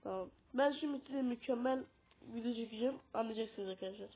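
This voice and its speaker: Faint music sits behind a woman's brisk, fairly high voice as she plays and explains a mobile game despite being sick. She's a gaming video host who chats casually and keeps calling out to her viewers as friends, recorded through a tablet's built-in mic with tinny, lo-fi audio and a faint hiss.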